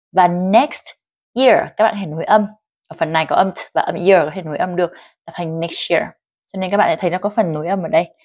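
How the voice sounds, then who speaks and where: A middle-aged Vietnamese woman teaching an English dictation lesson online, reading sentences slowly and clearly, then explaining them in Vietnamese. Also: on the low side, no echo, dull audio.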